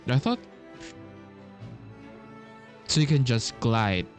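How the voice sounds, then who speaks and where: Over faint game music, a man streams a game, reading its text aloud and commenting as he plays. His mid-range voice is animated but slow, and he stumbles and repeats himself along the way.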